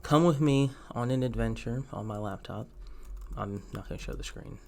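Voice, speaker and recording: A young sneaker vlogger chats casually to camera in a product review, rambling with asides and filler words. His medium-pitched voice is gravelly and a little mellow, at a moderate pace. A little hiss or hum sits under the recording.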